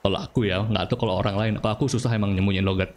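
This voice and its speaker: A man's voice: on the low side, fairly even intonation, racing. A man from Bali with a Balinese accent, chatting casually on a live stream, answering viewers while he plays and laughing often. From Bali, Indonesia.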